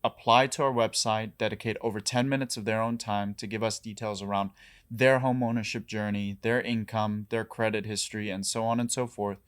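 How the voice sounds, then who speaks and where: A young man introducing himself as a startup co-founder, speaking in a measured, articulate way. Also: fairly low pitch, fairly even intonation. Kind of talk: interview answers.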